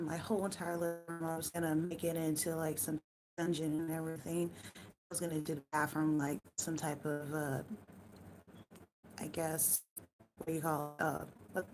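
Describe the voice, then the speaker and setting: Streaming live from home, a woman with a low, hoarse, tired voice talks loosely to her viewers, rambling and cursing occasionally.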